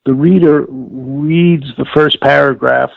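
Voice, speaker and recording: Over a tinny, phone-like line with some room echo, an older man, a former audio producer-director, reminisces in an interview while explaining a process. His voice is heavily creaky and husky, at medium pitch with fairly even intonation. He speaks deliberately in rather formal wording, pausing to correct himself.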